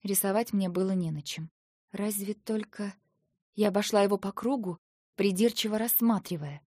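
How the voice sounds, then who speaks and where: A woman reads a first-person fantasy novel aloud in an expressive voice that moves between quiet and heated. Her voice sits at a middle pitch, and the recording is dry and close. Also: normal speed, dry recording. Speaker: audiobook narrator. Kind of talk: first-person audiobook narration.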